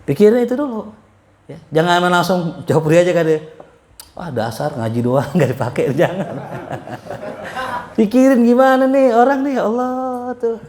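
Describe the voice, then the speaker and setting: A man's voice: mid-range voice, gravelly, darkish tone. A man giving a casual religious study lecture as a preacher, chatty and joking, chuckling often. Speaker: Islamic preacher. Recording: roomy echo.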